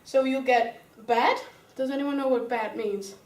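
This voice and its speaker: A woman's voice: sits high, measured pace, darkish tone. A young woman with a Dutch accent, teaching an English grammar lesson step by step and calling on pupils by name. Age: young adult. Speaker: student teacher. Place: classroom. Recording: roomy classroom sound, mic far away.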